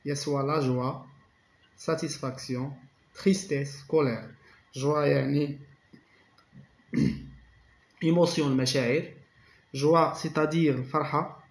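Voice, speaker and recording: A man's voice: fairly high pitch, steady tone. Moroccan man teaching French grammar, echoey. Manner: slow dictation-like French, rapid Darija explanations. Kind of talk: bilingual grammar lesson. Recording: echoey room.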